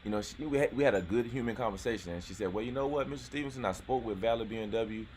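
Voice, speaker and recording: Male host in his forties, low voice and quick delivery, relaxed, chatty manner. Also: a little hiss or hum. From North Carolina, US. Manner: laid-back, rambling, lots of "you know what I'm saying". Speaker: channel host. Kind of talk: casual live-stream chat. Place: outdoors near a golf course.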